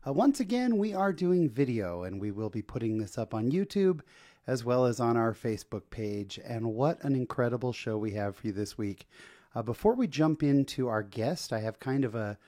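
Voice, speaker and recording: A man's voice: medium pitch, sing-song, normal speed, warm tone. Enthusiastic man hosting a podcast. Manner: enthusiastic, chatty with fillers. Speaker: podcast host. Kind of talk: podcast interview. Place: podcast studio.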